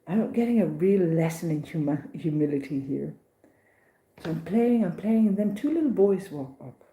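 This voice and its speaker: Woman, casual storytelling vlog, mellow dark tone, echoey room, animated. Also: lowish voice, moderate pace. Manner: animated, acts out others' voices, restarts often. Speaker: pilgrim vlogger.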